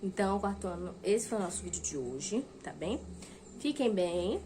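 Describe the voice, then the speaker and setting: A woman's voice: medium pitch, animated, mellow, slight background noise. A young adult woman teacher with a Brazilian Portuguese accent, patiently explaining a lesson to children and stretching out key words. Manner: patient, repeats key words slowly and checks in with "tá?". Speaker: primary school teacher. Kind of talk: recorded video lesson for fourth graders.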